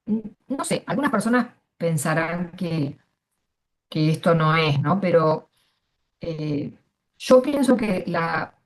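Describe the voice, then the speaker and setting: A middle-aged woman from Argentina with an Argentine Spanish accent, sharing personal views at a panel in a hesitant way, with many fillers and restarts. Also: lowish voice. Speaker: panel speaker. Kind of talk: casual personal testimony.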